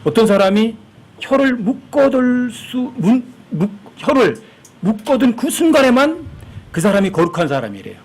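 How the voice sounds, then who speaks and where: Male pastor, high and husky, lively sermon delivery that acts out quoted voices. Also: normal speed. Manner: acts out quoted voices, emphatic and conversational with the congregation.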